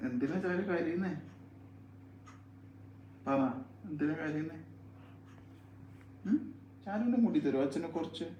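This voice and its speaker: A father talking softly with his young child at home, coaxing and soothing with repeated gentle questions. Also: on the high side, lively intonation, a little slow, long pauses, highs cut off, slight background noise. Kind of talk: casual home video chat with his child. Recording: roomy echo.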